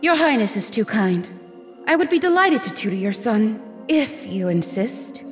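A disguised goddess pleads and flatters in a raised, high voice. She sounds humble and tearful in a podcast audio drama, set in a room with a long, lingering reverb. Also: moderate pace, soft background music. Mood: polite. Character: disguised goddess Isis posing as a humble young hairdresser.

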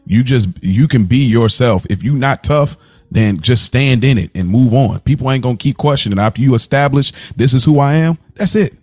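A podcast co-host chats casually, speaking earnestly in long run-on stretches and repeating himself as he builds a point. His medium-pitched voice is slightly mellow with lively intonation at a moderate pace, and there's no room sound.

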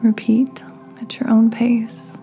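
A woman hosting a podcast, leading a guided meditation in a soft, half-whispered, soothing voice. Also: on the high side, completely flat delivery, slow, gravelly, soft background music, low-quality recording. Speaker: podcast host.

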